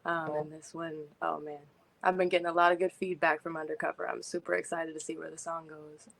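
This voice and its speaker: A young woman from Indiana talks about her music on a radio show, relaxed and chatty. Her voice sits low, with a gravelly fry at its edges. She laughs easily between thoughts. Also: fairly quick. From Indiana, USA. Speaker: singer-songwriter guest. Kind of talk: casual radio interview.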